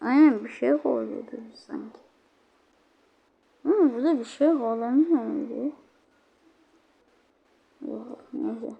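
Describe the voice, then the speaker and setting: A woman talking through her own game play as a let's-play host, chatty and exclaiming, quickly annoyed when the game goes wrong. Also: a little high, vocal fry, breathy edge, lo-fi sound. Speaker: gaming channel host.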